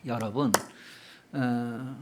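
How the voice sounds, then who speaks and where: A man's voice: mid-range voice, fairly even intonation, extremely slow, a little mellow. A male pastor preaching an emphatic sermon, asking the congregation rhetorical questions and raising his voice for emphasis.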